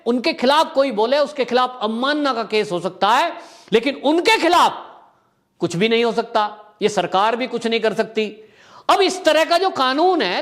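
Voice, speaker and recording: A man's voice: very high voice, a bit bright. A man delivering an impassioned political commentary monologue as a commentator, full of rhetorical questions.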